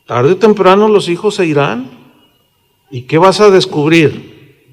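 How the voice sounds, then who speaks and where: A man in his sixties with a Mexican accent, preaching a sermon in a relaxed, conversational way, with fillers and tag questions. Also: high voice, unhurried. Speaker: pastor. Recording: reverberant hall.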